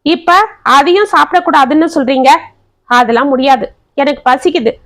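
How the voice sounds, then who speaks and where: ஒரு பெண் கதைசொல்லி, சண்டைக்கார இளம் மருமகளின் குரலில் ஏளனமாகக் கத்திப் பேசுகிறார். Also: female voice, high-pitched, normal speed. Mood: indignant. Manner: scornful, shouting, insulting. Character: sharp-tongued young wife, quarrelsome daughter-in-law.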